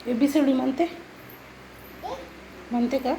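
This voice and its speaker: A woman filming her toddler at home on a phone, patiently repeating gentle instructions to coax the child. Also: sits high, fairly even intonation, unhurried, slight background noise, poor audio. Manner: patient, repetitive, gently coaxing. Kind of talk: coaxing a small child on camera. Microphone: phone camera.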